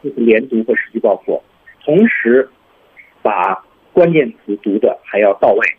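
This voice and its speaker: A man teaching English on a radio programme, explaining step by step and demonstrating lines over and over. His pitch swings widely as he stresses points, and his voice sounds husky. The audio is thin and tinny, like a phone line. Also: animated, normal speed. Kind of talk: radio lesson on English speaking.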